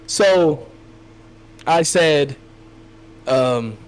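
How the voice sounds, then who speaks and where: Male podcast guest, a bit high-pitched, loose and jokey in his talk. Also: expressive, drawn-out words, smooth, low-quality recording. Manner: loose, joking, rambling. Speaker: guest streamer. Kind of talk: casual podcast chat.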